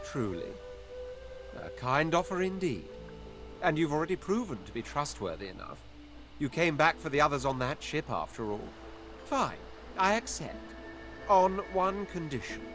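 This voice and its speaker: An actor playing a haughty, condescending exiled lizard prince in a video game, speaking in pompous, flowery phrases. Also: male voice, on the high side, sing-song, moderate pace. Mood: lofty, bargaining. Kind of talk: video game character acting. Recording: game music behind the voice.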